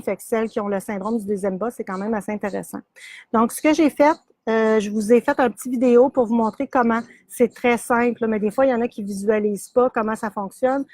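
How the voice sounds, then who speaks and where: On a live stream, a middle-aged yarn shop host with a Québécois French accent casually shows off yarn and sock blanks, her chatter full of fillers and easy laughs. Her voice is on the high side with a darkish tone, and there's no echo.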